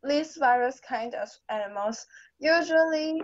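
Hesitant teen girl, slow muffled video call. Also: high voice, no room sound. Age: teens. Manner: hesitant, searching for words, many "like"s. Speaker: high school student. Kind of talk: class discussion in English. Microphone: computer mic on a video call.

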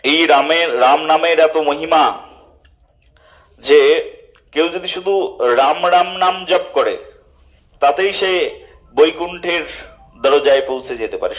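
Man preaching, asks and answers questions. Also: fairly high pitch. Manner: asks the listeners questions and answers them himself, stretching key words. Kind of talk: devotional sermon.

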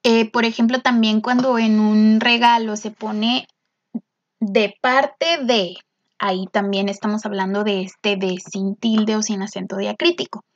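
A woman's voice: mid-range voice, steady tone, unhurried, no room sound. A woman teacher patiently explaining grammar, often checking in with the listener. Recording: dull, dry lo-fi recording.

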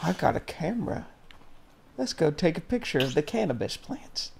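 A man's voice: a little high, big pitch swings, normal speed, gravelly, a little mellow, a little hiss or hum. A young man casually commenting on his game play with friends, joking and laughing often. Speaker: gamer playing a game for a recording.

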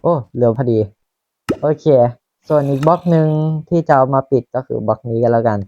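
A man's voice: mid-range voice, a little mellow, highs cut off, slight background noise. A Thai man casually commenting on his own Minecraft building, chatting to himself as he works. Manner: slow, chatty, talking to himself while building. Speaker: Minecraft YouTuber.

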